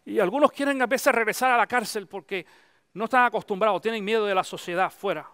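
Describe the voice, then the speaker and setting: Man, middle-aged pastor, high voice, conversational sermon, dry close sound. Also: quick pace, pushed and bright, clear, resonant tone, dry recording. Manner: conversational preaching, mixes English phrases into Spanish.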